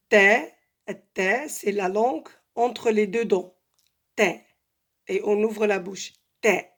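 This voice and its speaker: A woman teaching Arabic letters, saying each sound three times and explaining patiently with many pauses and fillers. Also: mid-range voice, darkish tone. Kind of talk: slow spoken lesson, drilling letter sounds.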